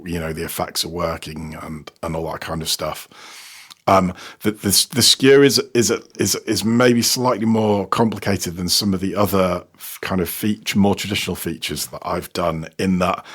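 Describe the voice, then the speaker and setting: Being interviewed about his audio production work, this man, a sound designer and technical producer, speaks in a low-pitched, slightly bright, husky voice. His talk is casual but hesitant, and he repeats words while hunting for the right phrasing.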